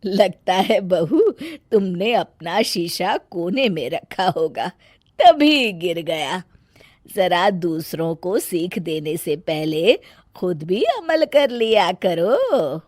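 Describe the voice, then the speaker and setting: Wise cartoon mother-in-law voiced by a woman, slow, gentle, admonishing, dry close sound. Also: on the low side, big pitch swings, dry recording, heavily acted. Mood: calm. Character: calm wise middle-aged mother-in-law.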